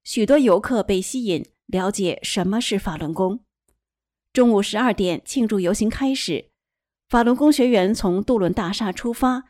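A woman giving a scripted news report in an even, measured tone. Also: medium pitch, no room sound, clean studio sound.

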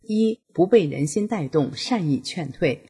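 An older woman in her sixties reads a first-person story aloud in a steady, plain way. Her voice is very breathy and husky and sits low. She voices the dialogue as she goes. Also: measured pace. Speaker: reader of a personal account.

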